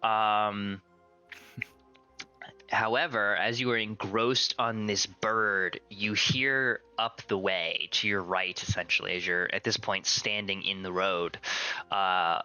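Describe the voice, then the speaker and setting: A man improvising narration as game master of a tabletop game in a casual, halting way. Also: fairly low pitch, fairly even intonation, sharp tone, smooth, faint music behind, low-quality recording. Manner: casual, halting, searching for words.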